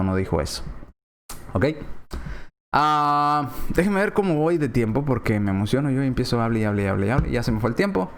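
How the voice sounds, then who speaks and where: A man preaching a sermon in a church, animated, acting out quoted voices with sudden pitch jumps and often checking in with his listeners. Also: a little hiss or hum. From Spanish-speaking, lives in Texas. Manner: often adds tag questions.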